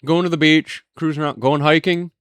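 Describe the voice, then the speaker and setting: A man's voice: a little high, fairly even intonation, fairly quick, a bit bright, clear, resonant tone, no echo. A man co-hosting a casual chat, telling stories and ranting with lots of swearing. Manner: profane, ranting storyteller. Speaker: podcast co-host.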